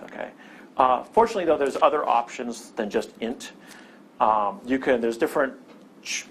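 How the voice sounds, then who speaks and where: Guy walking through code in a tutorial, kinda gravelly voice, faint hiss behind, keeps saying okay?. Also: medium pitch. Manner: explanatory, with many "okay?" check-ins and restarts. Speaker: programming instructor. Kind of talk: screen-recorded coding lesson.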